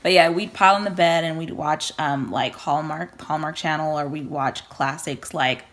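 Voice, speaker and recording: A woman's voice: low voice, moderate pace, a bit bright, slight background noise. Playful woman chatting in a vlog. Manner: playful, teasing, laughs often. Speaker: vlog co-host. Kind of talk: casual chat.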